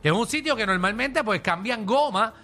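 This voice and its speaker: A man with a Puerto Rican accent co-hosting a radio show, telling a story in a lively, animated way. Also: high-pitched, moderate pace, faint music behind. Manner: animated storyteller, acts out other voices. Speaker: radio host. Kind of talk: casual radio banter. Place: radio studio.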